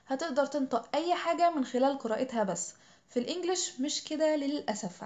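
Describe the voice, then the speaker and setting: A woman with an Egyptian Arabic accent gives an online pronunciation lesson in a high, bright-toned voice. She explains things patiently and repeats example words slowly so listeners can say them after her. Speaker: English pronunciation teacher.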